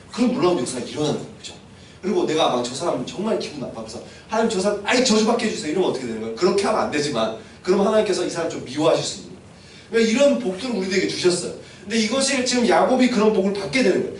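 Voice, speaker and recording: Brief: high, lively male pastor, fast storyteller, echoey distant church mic. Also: slight background noise. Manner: animated, asks listeners questions, acts out scenes. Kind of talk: youth sermon, storytelling. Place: church hall.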